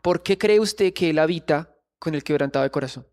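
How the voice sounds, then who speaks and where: A man's voice: on the high side, fairly quick, a little mellow. A man preaching a sermon in church, earnestly questioning the congregation.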